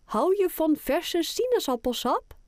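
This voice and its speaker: A woman's voice: extremely high pitch, very animated, a little slow, a little mellow, no echo, clean studio sound, voice pushed up, full character voice. A woman voicing a doting, playful grandmother in a children's audiobook, with an affectionate sing-song delivery. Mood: fond. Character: warm, playful grandmother who loves singing.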